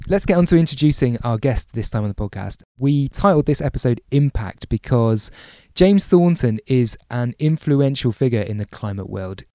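A man's voice: fairly low pitch, dark tone, no room sound. A man hosting a podcast, chatting casually and introducing the guest. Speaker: podcast host. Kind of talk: casual chat and scripted introduction.

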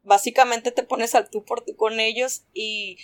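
A young adult woman with a Mexican accent tells stories as a guest in a casual chat, speaking unhurriedly in a slightly high voice. She is animated and slangy, laughing often.

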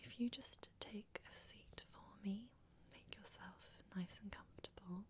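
A woman whispering softly and reassuringly as a hairdresser in an ASMR roleplay, talking close to the mic. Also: medium pitch. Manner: soft, unhurried, reassuring with many fillers. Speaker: ASMR creator playing a hairdresser.

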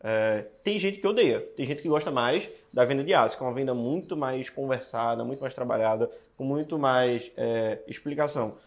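A man's voice: mid-range voice, a little fast, few pauses. A man with a Brazilian Portuguese accent in a casual podcast discussion. He speaks firmly and directly, explaining his points.

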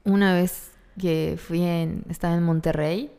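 A woman from Mérida with a Yucatecan accent, co-hosting a casual podcast chat, relaxed and laughing often. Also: on the low side, measured pace, clean tone, long reverb tail. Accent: Yucatecan Spanish. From Mérida, Mexico. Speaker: podcast co-host.

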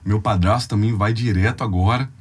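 A man's voice: on the low side, fairly even intonation, a little fast, slightly rough. A young Brazilian man, a youth ministry leader, telling a heartfelt, tearful testimony on a podcast in a casual, slangy way.

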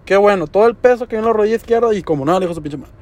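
A young man, a podcaster, tells a casual story at very high speed in a high-pitched, darkish voice. His talk is loaded with slang and swearing, and he says "güey" constantly.

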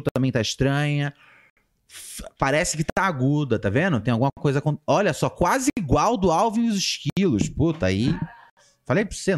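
Animated Brazilian man hosting a live chat. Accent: Brazilian Portuguese. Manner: animated, playful, jumps in pitch when reading names. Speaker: podcast host reading live chat. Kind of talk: casual livestream chat.

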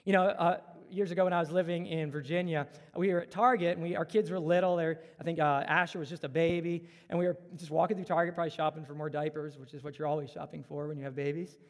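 A man's voice: a little high, steady tone, quick pace, few pauses, long reverb tail. A man in his thirties preaching a conversational sermon as a pastor, acting out everyday dialogue to make his points.

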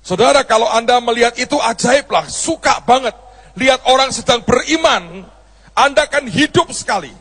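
A man's voice: very high voice, lively intonation, moderate pace, a bit bright, breathy edge, long reverb tail. A man preaching a sermon as a pastor, telling a story and acting out its dialogue in changing voices.

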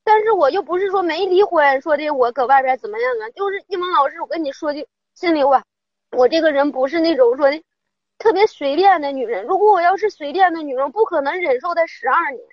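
Middle-aged woman caller, high voice, rambling and distressed, dry dull lo-fi line. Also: fast, no echo. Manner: rambling, upset storytelling. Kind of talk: phone-in advice call.

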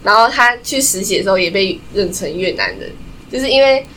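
A woman's voice: medium pitch, animated, brisk, a bit bright, slight background noise. A young woman from Taiwan in casual chat, asking questions and telling her own anecdotes. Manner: chatty, asks questions and tells anecdotes.

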